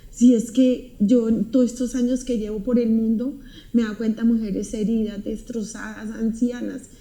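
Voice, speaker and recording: The recording has a roomy echo as a woman with a warm voice on the high side gives an emotional testimony about her own life. Her telling is intense and earnest, marked by repetition.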